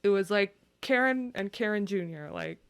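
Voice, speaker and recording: A woman's voice: mid-range voice, lively intonation, normal speed, crowd noise. A woman co-hosting a podcast, venting about her work in a weary way. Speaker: podcast co-host. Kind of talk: casual chat.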